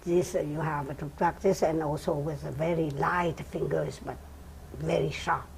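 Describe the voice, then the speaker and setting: An older woman, a piano teacher, speaking halting non-native English in an interview and counting beats aloud. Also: deep voice, fairly even intonation, vocal fry, darkish tone, slight background noise, rough recording. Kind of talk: interview with demonstration.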